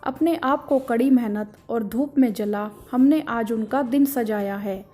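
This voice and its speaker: A woman's voice: on the high side, measured pace, warm tone, soft background music. Woman reading as a stern caring husband. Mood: indignant. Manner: scolding, indignant. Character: stern caring middle-aged husband, older brother.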